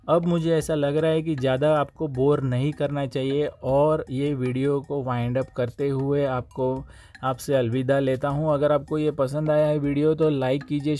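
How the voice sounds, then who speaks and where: A man's voice: medium pitch, a little mellow. A young man narrating a casual travel vlog while riding a motorbike through city streets, talking to viewers as friends. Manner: chatty, addresses viewers as friends. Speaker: vlogger.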